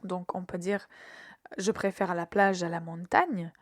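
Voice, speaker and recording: Slow, patient woman teaching French verbs. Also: lowish voice, little pitch movement, studio quality. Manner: patient and careful, repeating words slowly for learners to echo; pauses with soft fillers while explaining. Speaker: French teacher hosting a verb podcast. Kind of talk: scripted language lesson.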